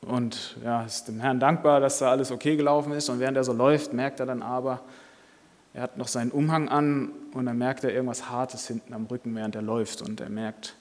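Preacher telling a story in a hall. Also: male voice, mid-range voice, fairly even intonation, a little fast. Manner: narrative, earnest. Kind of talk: sermon with storytelling. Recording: long hall reverb.

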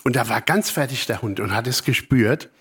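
A middle-aged man preaching a sermon, moving from emphatic points to hushed, whispered asides. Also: mid-range voice, moderate pace, husky.

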